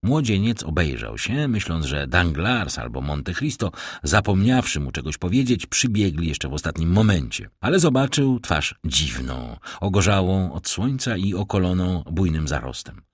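A man narrating a classic novel as an audiobook, in expressive storytelling fashion. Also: normal speed, hardly any pauses, breathy edge, no echo, clean studio sound. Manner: expressive storytelling with wide swings in pitch.

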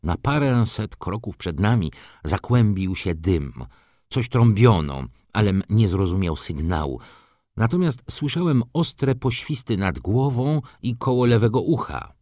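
A man reading a story aloud in the first person, with expressive scripted narration. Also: on the low side, a little slow, no echo, clean studio sound. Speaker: audiobook narrator.

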